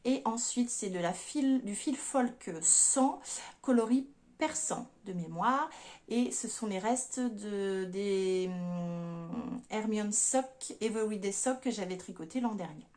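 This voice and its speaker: A woman's voice: medium pitch, slow pace, darkish tone. Chatty woman with many fillers. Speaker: knitting podcast host. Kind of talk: casual chat.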